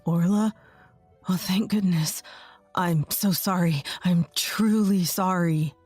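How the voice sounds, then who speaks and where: A woman voicing a remorseful young husband who speaks softly and apologetically. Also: fairly low pitch, slow pace, breathy edge, no room sound, faint music behind. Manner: apologetic, soft-spoken.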